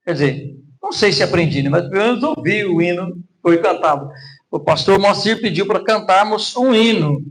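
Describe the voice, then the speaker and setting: A Brazilian man preaching as pastor, teacherly, asking the congregation questions and reading verses slowly with stress on the rhymes. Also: high voice, expressive, poor audio. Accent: Brazilian Portuguese. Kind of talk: sermon.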